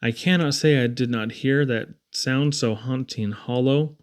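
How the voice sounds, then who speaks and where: A man reads children's poetry aloud at an unhurried pace in a medium-pitched voice. His delivery is expressive and theatrical, like storytelling with dramatic emphasis.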